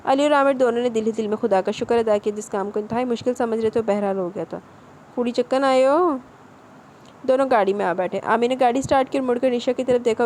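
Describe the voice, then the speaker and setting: A woman narrating a novel aloud in a steady, even storytelling manner. Her voice sits a little high, and a faint hiss runs under the reading. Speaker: audiobook narrator.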